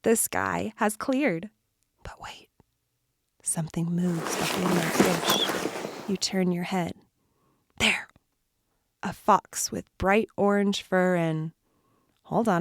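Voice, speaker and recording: A woman tells a children's campfire story in a slow, soothing voice, dropping to whispers and leading call-and-response. Her voice sits at a middle pitch. The recording is dry and close. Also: no room sound.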